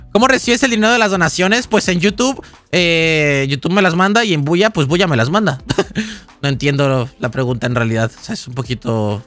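A man's voice: fairly high pitch, fairly bright tone. A man, livestreaming a game and chatting casually in a rambling, jokey way as he reads out donations and chat. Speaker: gaming livestreamer. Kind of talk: casual live-stream chat while gaming.

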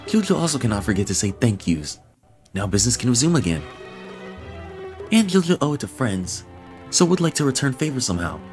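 A man's voice: medium pitch, sing-song, fairly quick, pauses often, a little mellow, soft background music, voice pushed up, close to an everyday voice. A man voicing a chirpy small creature merchant who speaks in clipped, broken grammar. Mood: eager. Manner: reading game lines aloud in clipped broken speech.

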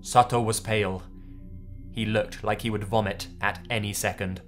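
A man's voice: on the low side, fairly even intonation, normal speed, fairly bright tone, faint music behind. A man reading a horror story aloud in the first person, tense and dramatic. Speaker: narrator. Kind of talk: scripted horror story narration.

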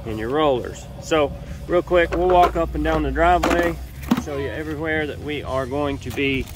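A man's voice: on the high side, normal speed, background noise. A man in a casual product review vlog, talking in a laid-back, rambling way on his driveway while wearing a camera. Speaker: home improvement vlogger. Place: outdoors on a driveway. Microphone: body-worn camera.

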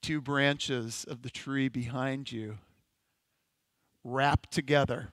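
A male pastor leading a congregation through a slow, gentle guided-imagery meditation in a sermon. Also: mid-range voice, fairly even intonation, no room sound. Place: church sanctuary.

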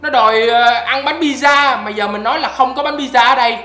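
A man doing excitable gameplay commentary as a YouTuber, often breaking into loud exclamations. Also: very high-pitched, a little fast, echoey room, faint music behind. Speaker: gaming YouTuber.

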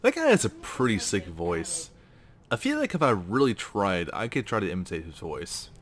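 A man's voice: lowish voice, huge pitch swings, normal speed. A man hosting a let's play, giving chatty, enthusiastic commentary on the game. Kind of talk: casual gameplay commentary.

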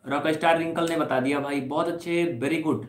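Male maths tutor, live class, higher voice, teasing and coaxing, roomy distant sound. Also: fairly even intonation, moderate pace, slight background noise. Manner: teasing, addresses students as children, coaxing answers. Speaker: maths teacher. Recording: roomy echo, voice from off the mic.

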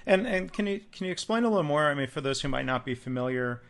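Male podcast host, gravelly voice, stammers through restarts. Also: a little high, animated, fast, a bit bright. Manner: stammering restarts, repeats words. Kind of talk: interviewer asking questions.

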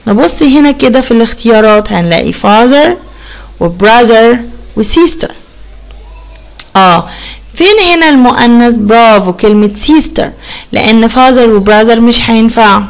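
An Egyptian woman teaches young children English, pulling the example words out slowly and tossing questions to the class. Her voice sits a little high and carries a gravelly rasp. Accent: Egyptian Arabic. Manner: slow drawn-out English model words, lively teacherly questions.

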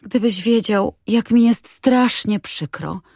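A woman's voice: medium pitch, takes it slowly, darkish tone, dry recording, studio quality, voice pushed up. A woman reading an audiobook, voicing a cheerful, chatty little girl who talks eagerly.

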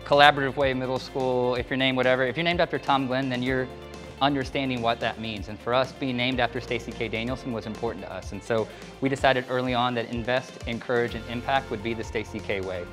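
A middle-aged man, a school principal, leads a casual guided tour through school halls and classrooms, talking into a handheld mic as he walks. He explains things in an upbeat way, speaking fast in a mid-range voice with fairly even intonation, while music plays in the background.

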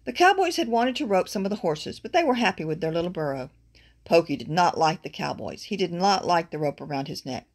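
A woman reading a children's book aloud, expressively, pausing to point out the pictures. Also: fairly low pitch, expressive. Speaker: storybook reader.

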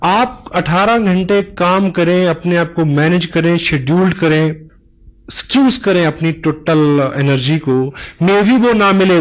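Casting: male motivational speaker, slightly high voice, preachy, lo-fi phone-like audio. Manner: preachy, mixes Hindi and English, tells parables with voiced dialogue. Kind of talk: motivational talk to an audience. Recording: tinny phone-like sound.

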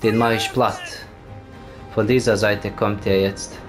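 This let's play gamer speaks in a level, unhurried tone from the low side of the range. Cursing frequently, he chats casually about his gameplay and spurs the game on with repeated words over loud game music and gunfire.

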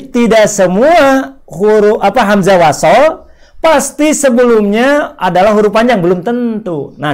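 A man teaching an online Quran reading lesson, asking questions, repeating points and slowly drawing out example words. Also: high voice. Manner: asks questions and answers them himself, repeats points; stretches words out slowly when demonstrating readings.

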